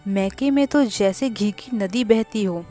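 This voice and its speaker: A woman's voice: mid-range voice, unhurried, dark tone, faint music behind, lightly acted. A woman voicing a hot-tempered, rude young village man in a storybook reading, with a curt, scolding delivery. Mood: angry.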